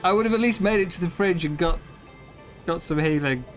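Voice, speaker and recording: Tired and yawning, a man live-streams a survival game, rambling through casual commentary full of ums and self-corrections. His voice is high-pitched and brisk, with soft music playing behind him.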